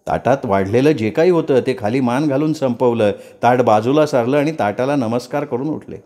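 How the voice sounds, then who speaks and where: A man reading a story aloud in an expressive first-person narration. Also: mid-range voice, moderate pace.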